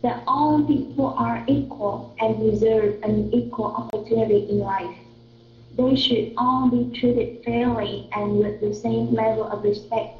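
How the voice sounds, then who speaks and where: A woman's voice: fairly high pitch, fairly even intonation, a little slow. A woman from Vietnam with a Vietnamese accent, an English student reading aloud and answering questions, often searching for words. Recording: tinny phone-like line in an echoey room.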